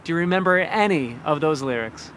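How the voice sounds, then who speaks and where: A man asking quick, upbeat rapid-fire questions as an interviewer. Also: fairly high pitch, lively intonation, a bit bright, slight background noise.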